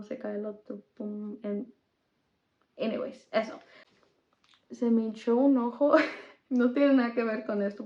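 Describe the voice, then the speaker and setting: A woman's voice: mid-range voice, creaky, a little mellow. A woman, hosting a podcast in casual chat that switches between English and Spanish. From Mexico. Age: 20s. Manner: chatty, code-switching, with small laughs. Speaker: podcast host. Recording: echoey room, dull lo-fi sound.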